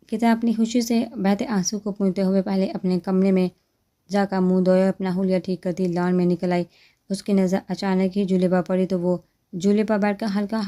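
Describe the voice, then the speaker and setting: A woman narrating a romance novel as an audiobook, reading in a steady, gentle way. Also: mid-range voice.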